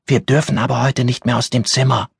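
A timid little girl, scared and hushed, her voice lifted high and a little breathy, as a male narrator puts her on. She begs anxiously in a close, dry audiobook sound. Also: flat delivery, a little fast, no echo.

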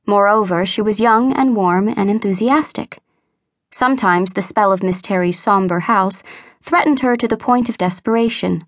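A woman reads a classic storybook aloud in an even, mid-pitched voice, measured and expressive. The recording is close and dry, like a booth. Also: dry recording. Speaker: audiobook narrator. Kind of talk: scripted storybook narration.

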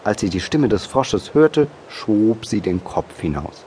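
A man narrating a children's audiobook in a lively, expressive storytelling manner. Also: lowish voice, measured pace, slight background noise.

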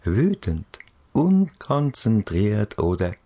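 Narrating a relaxation journey for kids, a man uses a lowish, breathy, husky voice with big swings in pitch. The delivery stays soft, dreamy and soothing, with gentle pauses throughout.

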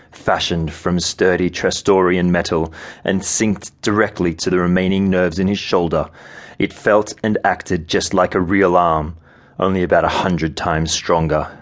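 A man narrating a novel in an audiobook, with measured, vivid storytelling. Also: low voice. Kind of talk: scripted narration.

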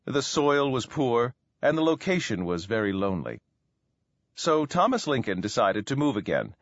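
Expressive male audiobook narrator. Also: medium pitch, normal speed, dry recording, lo-fi sound. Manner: expressive storytelling. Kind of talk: scripted narration.

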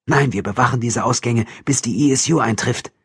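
A man's voice: medium pitch, fairly quick, fairly bright tone, husky, no room sound, clean studio sound, voice pushed up. A man voicing an urgent, commanding young female police officer in an audiobook. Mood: tense.

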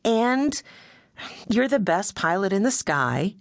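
A woman's voice: medium pitch, very animated, slow pace, dry recording, clean studio sound, pitched above the performer's own voice. A woman narrator voicing a spirited young woman who scolds and teases in a wry way.

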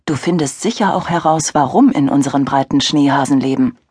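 A woman voicing a gentle, playful young father who talks fondly and teasingly to his little son. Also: rumbling low, a little fast, breathy edge, no echo, clean studio sound.

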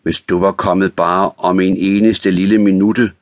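A man voicing a simple, childlike and remorseful man in an audiobook, speaking in a halting, stammering way. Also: sits low, level tone, no room sound, studio quality, natural voice. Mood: pleading. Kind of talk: audiobook reading.

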